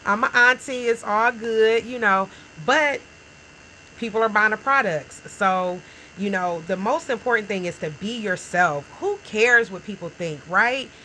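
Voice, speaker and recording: A woman's voice: medium pitch, measured pace, bright, forceful tone, slight background noise, poor audio. A woman in her forties talking casually to camera as a small business owner, frank and encouraging, often checking in with "okay?" and "right?". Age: 40s. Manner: frank and encouraging, talks straight to the viewer.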